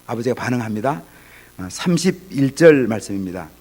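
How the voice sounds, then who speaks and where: A man preaching an afternoon sermon as a pastor, acting out the characters' lines with big swings between loud and quiet. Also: medium pitch, expressive, a little fast, slightly rough. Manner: acts out the father and son in dialogue, swinging from loud to hushed.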